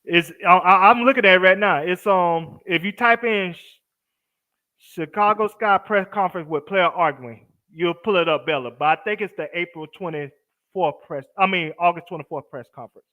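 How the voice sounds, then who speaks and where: A man's voice: high voice, normal speed, sharp tone. A man co-hosting a casual sports stream, easygoing and hesitant with fillers. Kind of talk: casual live-stream chat.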